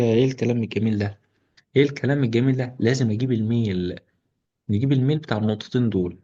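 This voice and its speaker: A man's voice: mid-range voice, dark tone, slightly rough, muffled recording. A male math teacher with an Egyptian accent, walking through an exam's solutions with joking asides to students. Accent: Egyptian Arabic. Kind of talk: exam solution walkthrough.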